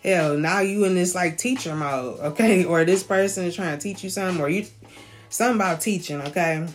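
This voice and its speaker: A woman's voice: fairly low pitch, brisk, faint music behind. A woman giving a casual spoken reading, chatty and loose, often checking in with "okay?" and laughing lightly. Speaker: tarot reader.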